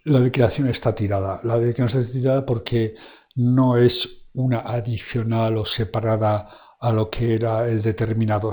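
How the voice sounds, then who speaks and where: A man walks through German grammar in a loose, conversational way. His voice is soft and mellow, and his talk is full of fillers. He slows right down when he reads each German example aloud. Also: mid-range voice. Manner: relaxed, chatty, many fillers, reads German examples slowly. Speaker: German language teacher. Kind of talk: casual online lesson, explaining grammar.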